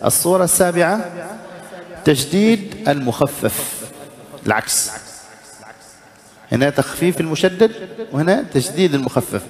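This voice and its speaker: A man teaching a recitation lesson as a sheikh, explaining each error, chanting the examples slowly and putting short questions to the listeners. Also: fairly high pitch, big pitch swings. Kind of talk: religious lesson.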